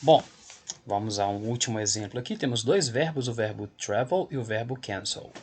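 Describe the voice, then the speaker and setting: A man's voice: mid-range voice, moderate pace, a little mellow, slight background noise. A man teaching an English grammar lesson to school students, explaining patiently and repeating key points to reassure them.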